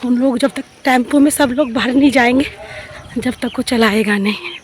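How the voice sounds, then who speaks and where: A woman's voice: on the high side, moderate pace, slight background noise. A young woman from Bihar, vlogging in a chatty way and often repeating words as she thinks. She walks along an outdoor village road and sometimes sounds out of breath. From Bihar, India. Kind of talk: casual vlog chat.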